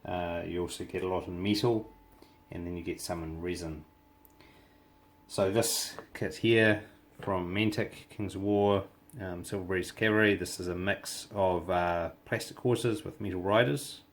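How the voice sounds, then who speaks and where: A man with a New Zealand accent talks through a hands-on hobby tutorial. His voice is very deep, with plenty of gravelly creak. The delivery is casual and halting, as he works out his phrases while demonstrating. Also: fairly even intonation, slight background noise. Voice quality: gravelly, low voice.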